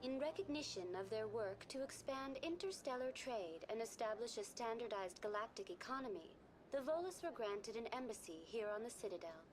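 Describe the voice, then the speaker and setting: A woman voicing a virtual intelligence tour guide in a video game, speaking in a too smooth, even, polite android manner. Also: a little high, fairly quick, slight background noise, close to an everyday voice, rough recording. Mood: smooth, courteous. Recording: game audio with background music.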